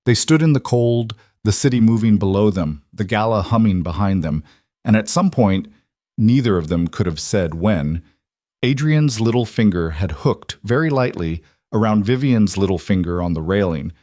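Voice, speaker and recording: A man narrating a scripted story in a calm, even way. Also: on the low side, no echo, studio quality.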